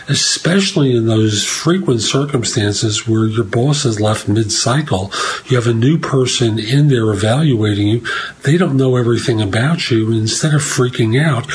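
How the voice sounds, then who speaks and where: A man hosting his own career podcast, speaking in a relaxed monologue full of advice and uneven pacing. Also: mid-range voice, slight background noise, poor audio. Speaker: podcast host and career advisor.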